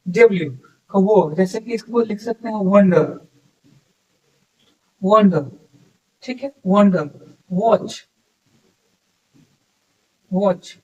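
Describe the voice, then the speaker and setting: A man teaching English pronunciation in a lesson, saying example words slowly and repeating them, often checking with a quick "okay". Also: high-pitched, a little mellow, distant mic, rough recording. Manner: explains sounds slowly, repeats words, keeps checking with "ठीक है". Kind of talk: classroom-style lesson.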